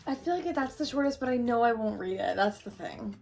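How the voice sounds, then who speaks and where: A young woman in her twenties talks through her reading plans in a relaxed, chatty vlog. Her voice sits a little high and stays upbeat, full of "like"s as she thinks aloud. Faint music plays softly under her. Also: brisk, creaky. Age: 20s. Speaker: booktuber. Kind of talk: casual vlog chat.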